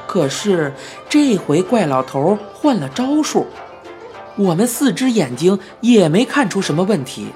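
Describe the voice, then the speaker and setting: Storyteller, Beijing-flavored, animated pitch, children's audiobook, faint music behind. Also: unhurried. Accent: Beijing-flavored Mandarin. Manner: lively, expressive first-person telling with erhua.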